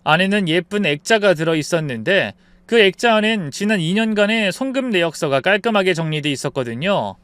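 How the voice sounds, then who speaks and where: A man reading a scripted first-person story as narrator, in a lively expressive manner. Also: high-pitched, fairly quick, hardly any pauses, no echo.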